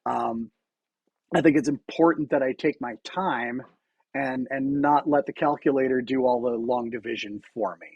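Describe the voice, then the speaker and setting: A medium-pitched man with vocal fry, a slightly mellow tone and a breathy edge speaks at normal speed in a dry, muffled recording. He's streaming his coding work, thinking aloud while typing and often restarting sentences with fillers.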